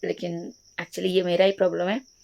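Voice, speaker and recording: Woman teacher with a cracked, gravelly voice. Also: lowish voice, flat delivery. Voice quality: cracked, loud voice, habit of talking loudly. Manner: mixes Hindi and English, reads slowly, then explains playfully. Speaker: English teacher. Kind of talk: bilingual classroom lesson explaining a story.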